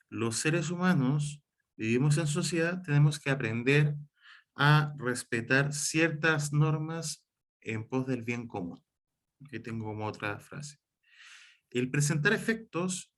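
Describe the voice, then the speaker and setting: A man from Chile teaching an online class on ethics and writing, explaining step by step with frequent fillers and self-corrections. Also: fairly high pitch.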